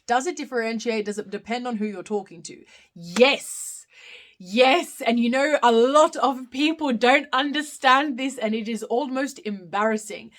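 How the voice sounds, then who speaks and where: This time her pitch sits fairly high and her tone is fairly bright, with an unhurried pace. The young woman, Australian-accented with slight British touches, is hosting a live stream Q&A in a chatty, rambling way, with frequent ums and self-corrections.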